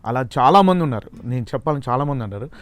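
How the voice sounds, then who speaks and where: A man as a mimicry artist guest, soft-spoken and hesitant, chatting casually in an interview. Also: mid-range voice, animated, racing, dry recording.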